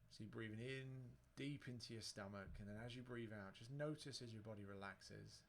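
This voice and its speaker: A man's voice: lowish voice, a little fast, vocal fry, a little hiss or hum. A man giving a guided relaxation lesson in an informal, conversational way, as a breathing instructor. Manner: informal, conversational, with joking asides. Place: indoor room near a busy road. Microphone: microphone within arm's reach, facing a screen.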